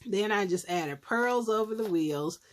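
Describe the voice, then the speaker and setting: A middle-aged woman casually showing her handmade crafts, slightly hoarse as she loses her voice, with a rambling manner full of ums and self-corrections. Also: medium pitch, animated, measured pace. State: losing her voice, clearing her throat. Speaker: crafting YouTuber. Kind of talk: casual craft show-and-tell.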